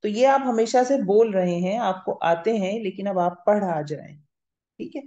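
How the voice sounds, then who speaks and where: A woman teaches a grammar lesson in a warm, mellow voice, patiently taking it step by step and pausing to check that everyone follows. The recording sounds roomy and a little dull and lo-fi. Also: mid-range voice. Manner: patient, explains step by step, often checks understanding. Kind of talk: classroom lecture. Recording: roomy, slightly muffled lo-fi recording.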